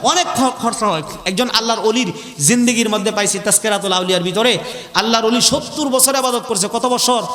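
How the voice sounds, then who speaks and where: A male preacher from Bangladesh addresses a large gathering through a microphone, pushing questions out to the crowd and playfully imitating regional dialects. His voice sits very high and bright, cutting hard through the PA. The sound rings with a long, roomy reverb from the big space. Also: a little fast. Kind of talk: Islamic sermon at a religious gathering. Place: large gathering under a tent. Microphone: handheld or stand microphone with PA.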